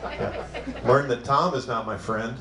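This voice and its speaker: A man's voice: medium pitch, unhurried, roomy sound, a loud crowd. A man from Cleveland performing a self-deprecating, crude stand-up set on a club stage. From Cleveland, Ohio. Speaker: stand-up comic.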